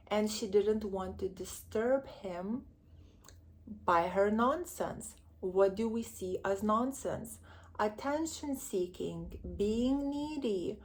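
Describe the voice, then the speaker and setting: Slow-talking woman coach. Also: medium pitch. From Lithuania. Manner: earnest, chatty, candid with personal stories. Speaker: relationship coach. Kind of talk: direct-to-camera advice vlog.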